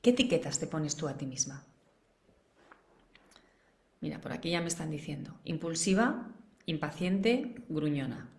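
Educadora de crianza española, tono de preguntas retóricas al público, sonido con mucha reverberación. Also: female voice, low-pitched, moderate pace, pauses often. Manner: asks the audience many rhetorical questions. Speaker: parenting educator. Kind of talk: live online masterclass. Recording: roomy echo.

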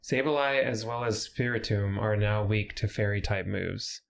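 A man's voice: on the low side, measured pace, creaky, slight background noise. A man hosting a casual podcast chat, laid-back and swearing casually, laughing often. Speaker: podcast host.

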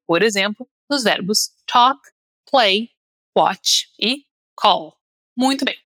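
A woman's voice: fairly high pitch, a bit bright, dry recording, studio quality. A young woman from Brazil with a Brazilian Portuguese accent, an upbeat pronunciation teacher on a podcast, leading listeners through drills. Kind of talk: podcast lesson.

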